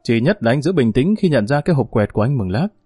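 A man narrating a novel as an audiobook in an expressive, dramatic storytelling manner. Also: mid-range voice, quick pace, husky, no echo, studio quality, soft background music.

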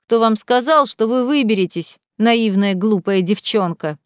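Woman doing a sneering middle-aged male butler, lowered voice, slow and contemptuous, storybook reading, dry close sound. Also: expressive, no echo, natural voice. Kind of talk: audiobook reading.

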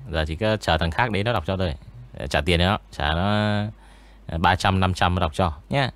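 A man's voice: sits low, fairly quick. A man who narrates ghost stories, chatting casually in an interview with many fillers. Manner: relaxed, rambling, many fillers.

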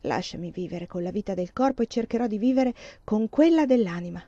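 A woman reading the part of a despairing young woman who doubts everything, in a hushed, sorrowful way. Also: mid-range voice, a little fast, no echo, dull audio, natural voice. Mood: pleading.

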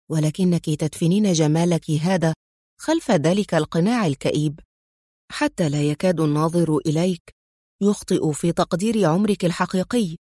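A woman voicing a calm, self-assured young man who speaks with teasing confidence in an audiobook. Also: on the low side, no room sound, studio quality, pitched below the performer's own voice, natural voice. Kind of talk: audiobook character reading.

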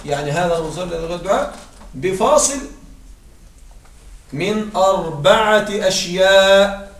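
A man teaching an Arabic grammar lesson in a classroom, often asking his students whether they follow, and reciting verses slowly and drawn out. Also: high-pitched, a bit bright. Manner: checks understanding with frequent "right?". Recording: echoey room, distant mic, faint hiss.

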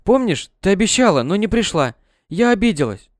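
A man voicing an eerie little ghost girl, a coaxing, insistent dark twin in a storybook. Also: high voice, sing-song, fairly quick, no room sound, studio quality, pitched above the performer's own voice.

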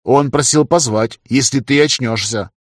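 A man voicing a male household steward who asks plain, measured questions in an audiobook. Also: medium pitch, no room sound, clean studio sound, lightly acted. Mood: calm.

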